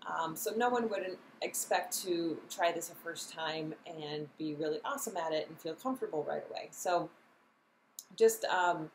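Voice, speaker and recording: Soft-spoken woman social worker, echoey room. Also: sits low, normal speed, background noise. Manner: gentle, explanatory, with many ums. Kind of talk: wellness lesson to students.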